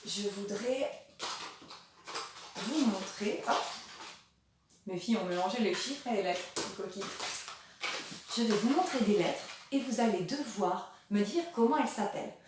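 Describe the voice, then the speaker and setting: Slow, patient woman teacher in an echoey room. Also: mid-range voice, expressive, far from the mic, noisy background. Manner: bilingual, switches between French and English; sings nursery songs. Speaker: kindergarten teacher. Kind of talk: slow, clear teaching to young children.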